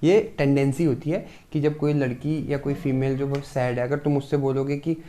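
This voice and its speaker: A male lecturer patiently explains a science topic to his students. He keeps asking questions and answering them himself, and pauses often to confirm they have understood. The technical vocabulary comes through as English terms woven into his sentences. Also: medium pitch, steady tone, mellow, a little hiss or hum. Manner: asks rhetorical questions and keeps checking in with "okay". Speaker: pharmacy lecturer.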